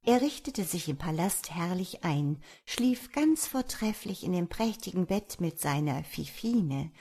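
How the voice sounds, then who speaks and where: Woman reading a fairy tale, calm measured storytelling, lowish husky voice. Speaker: narrator.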